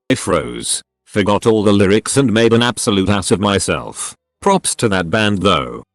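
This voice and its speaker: A man reading out short first-person stories as scripted narration, with an animated storytelling delivery. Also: on the low side, no echo.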